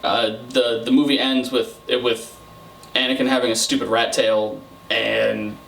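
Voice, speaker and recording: A man's voice: medium pitch, little pitch movement, unhurried, vocal fry, a bit bright. A man giving a comedic, casual movie review as a host, sarcastic, irreverent and sweary. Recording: roomy, distant mic, faint noise.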